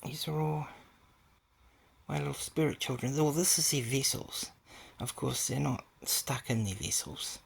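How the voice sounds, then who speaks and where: A man rambling through a casual video update in an extremely gravelly voice. He hesitates constantly, restarting phrases and filling gaps. His tone is very husky and often sinks to a whisper. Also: mid-range voice, measured pace. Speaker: vlogger.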